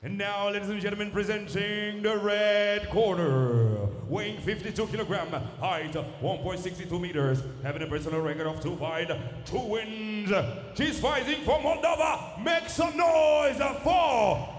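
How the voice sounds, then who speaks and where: A man announcing fights in a booming, theatrical ring announcer style, stretching out the names. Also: measured pace, faint music behind. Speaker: ring announcer at an MMA event. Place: large indoor arena cage. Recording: echoey arena PA, long reverb.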